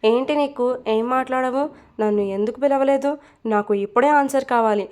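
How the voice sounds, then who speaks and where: A woman's voice: high-pitched, fairly even intonation, fairly quick, darkish tone, natural voice. A woman reading a storybook, voicing a playful, teasing young woman who pesters her relatives.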